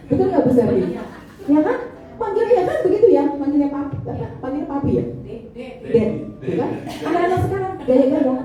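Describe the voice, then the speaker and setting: A middle-aged woman pastor giving a chatty, playful sermon in a church, teasing the congregation. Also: high-pitched. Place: large church hall. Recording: echoey hall, distant mic, dull sound with music. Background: music.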